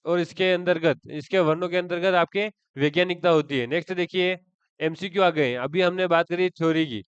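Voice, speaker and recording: Male teacher for exam prep, fairly high voice, smooth, dry close recording; repeats terms, quizzes himself. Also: a bit bright, no echo, dull audio. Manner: repeats key terms, asks and answers his own questions. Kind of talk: online lecture.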